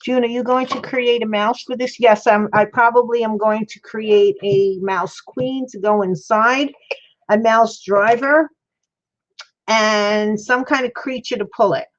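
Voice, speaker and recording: A woman's voice: on the high side, steady tone, unhurried, muffled recording. A woman with slightly mushy, toothless articulation, chatting casually and thinking aloud as she hosts a craft livestream. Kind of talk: casual chat while demonstrating crafts. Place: indoor craft worktable.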